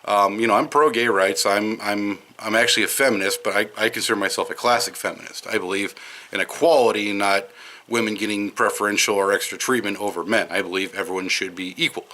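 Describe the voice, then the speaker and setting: A man with a light Wisconsin accent talks off the cuff outdoors during a smoke break. His slightly low voice has a bright, forceful edge. He rambles, with plenty of fillers and false starts. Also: steady tone, a little fast. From Madison, Wisconsin, USA. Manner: rambling, with frequent fillers and restarts. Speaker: video commentator. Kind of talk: casual unscripted monologue.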